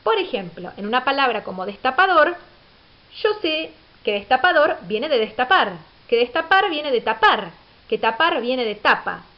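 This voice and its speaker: A woman's voice: high voice, sing-song, normal speed. A woman teacher giving a recorded grammar lecture, explaining patiently and asking rhetorical questions. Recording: dull lo-fi audio.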